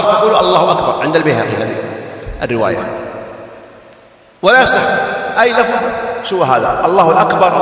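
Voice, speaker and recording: A man teaches a religious text, repeating key points and singing out examples as he explains it. His voice is high-pitched and a bit bright, heard from far off in an echoey hall.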